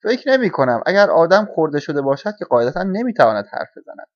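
A man voicing a timid but brave little frog in a storybook reading, speaking earnestly and gently. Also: fairly high pitch, very animated, no room sound. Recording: dull, dry lo-fi recording.

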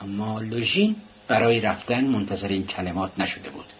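A man reading a novel aloud as narrator in a measured, even way. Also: on the low side, highs cut off, slight background noise. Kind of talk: audiobook reading.

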